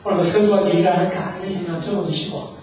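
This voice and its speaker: A man's voice: sits high, fairly even intonation, fast, a little mellow, slight background noise. A man preaching a humorous sermon as a pastor, joking and leading the congregation in call-and-response. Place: church sanctuary. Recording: far-off mic, very echoey hall.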